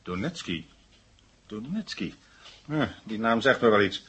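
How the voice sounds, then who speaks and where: A man's voice: on the low side, sing-song, unhurried, a bit bright, slightly rough, exaggerated voice. A man voicing a stern, skeptical police inspector questioning a suspect. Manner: dry, skeptical, authoritative.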